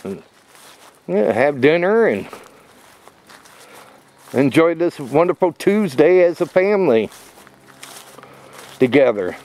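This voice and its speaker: Walking through the woods with his phone camera at arm's length, a middle-aged vlogger talks casually, stumbling through lots of fillers and restarts. His voice is a little high and a little mellow.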